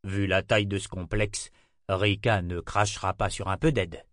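A man voicing a firm, gruff but kind adult male guardian in an audiobook, speaking matter-of-factly. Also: deep voice, steady tone, normal speed, fairly bright tone, no echo, studio quality. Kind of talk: audiobook character reading.

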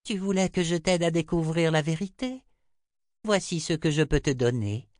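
A man reading an audiobook, voicing a cryptic, aloof woman seer in a raised, slow voice with dry, close sound. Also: animated, darkish tone, no echo, natural voice. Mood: evasive. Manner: raised pitch, slow measured delivery. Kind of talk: audiobook character voice.

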